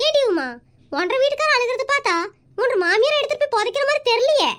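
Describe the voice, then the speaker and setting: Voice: very high-pitched, lively intonation, fast, fairly bright tone. A voice actor playing a blunt, nosy old village woman in a cartoon. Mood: teasing.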